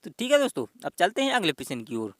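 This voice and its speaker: Pitch swoops wildly in this man's high voice as he moves at a quick pace, captured in a dry, close recording. He's an exam tutor giving a step-by-step reasoning lesson, firing off bouncy rhetorical questions, addressing viewers as friends throughout, and echoing his own questions back.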